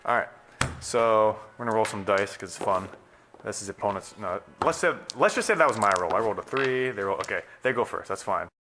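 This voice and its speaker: A young man casually demoing a card game deck, talking fast and loose with lots of fillers, laughing and swearing. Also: on the low side, background noise. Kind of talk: casual gameplay demo.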